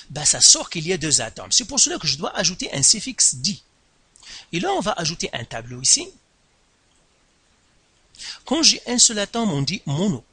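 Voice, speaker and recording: A man teaching a science lesson, speaking slowly and deliberately, repeating and stressing each term with jumps in pitch. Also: sharp tone, slightly rough, dry recording. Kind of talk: classroom lesson explaining at a board.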